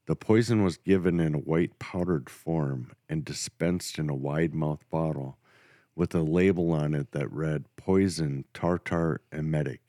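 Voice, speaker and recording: A man hosting a podcast, telling a true crime story in a steady, matter-of-fact way. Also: extremely low pitch, dry recording, clean studio sound. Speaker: podcast host.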